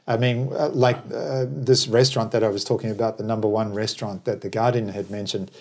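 This travel business operator, originally from New Zealand and later based in Australia, talks in a somewhat low, steady voice that runs a little fast and sounds darkish. As an interview guest he wanders through topics, offering opinions and dry stories in a conversational way.

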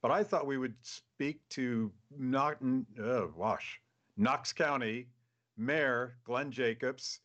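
A man hosting a show, interviewing a guest over a video call and talking haltingly with many restarts. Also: mid-range voice, fairly bright tone, dull audio. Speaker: show host.

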